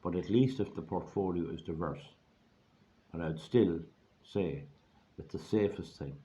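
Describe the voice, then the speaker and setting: A hoarse Irish man giving an informal, rambling monologue in a plain-spoken, folksy way, repeating phrases for emphasis. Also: low-pitched, dark tone. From Ireland. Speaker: online video host giving money advice. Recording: dull lo-fi audio, faint background noise.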